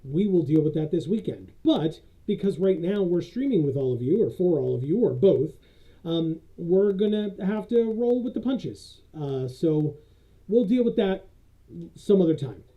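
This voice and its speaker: A man on a live stream rambles in a fairly high voice, full of fillers and self-corrections. Everything sounds muffled, as if he were talking through a tube. The sound is dull and lo-fi, picked up by the built-in microphone of a USB camera. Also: animated, normal speed. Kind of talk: casual live-stream chat.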